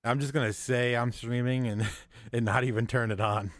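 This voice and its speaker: A man co-hosting a casual live-stream chat, easygoing and quick to laugh, with short replies. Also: mid-range voice, fairly even intonation, no echo, studio quality.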